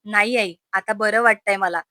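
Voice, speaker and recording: A woman's voice: mid-range voice, fairly even intonation, normal speed, bright, forceful tone, no room sound, close to an everyday voice. A woman voicing a shy, timid young wife. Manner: hesitant, stammering.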